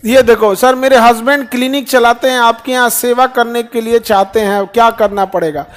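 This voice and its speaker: Guy with a bihari accent, really high voice, fired up motivational talk, keeps asking the crowd stuff. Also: steady tone, moderate pace, faint music behind. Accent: Bihari Hindi. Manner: emphatic, rhetorical, asks the audience questions. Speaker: speaker addressing students. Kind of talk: motivational speech.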